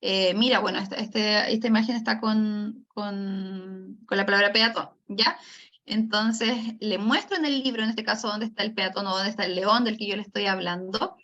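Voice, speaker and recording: A woman's voice: mid-range voice, steady tone, moderate pace, a bit bright. Woman lecturing over a video call. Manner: explanatory, with many fillers and tag questions; acts out storytelling examples for children. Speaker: speech therapist teaching a course. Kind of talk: online lecture. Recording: dull lo-fi video call audio.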